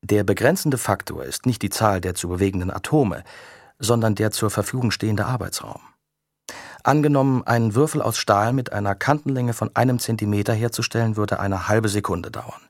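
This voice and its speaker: A thoughtful young scientist lays out ideas calmly and patiently, as a man reads him. The voice is low and a little husky, and the recording is close and dry. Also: brisk, no echo. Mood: explaining. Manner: calm, explanatory.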